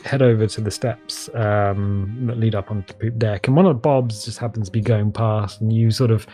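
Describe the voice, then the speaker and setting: Man narrating haltingly, music behind. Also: fairly low pitch, steady tone, mellow. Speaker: game master. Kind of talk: improvised tabletop game narration.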